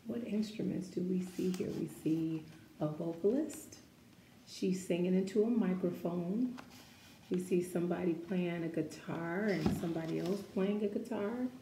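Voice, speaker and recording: A woman whose voice sits on the low side reads a picture book to young listeners, deliberate and full of expression. She adds informal comments and questions along the way, recorded in an echoey room with faint noise.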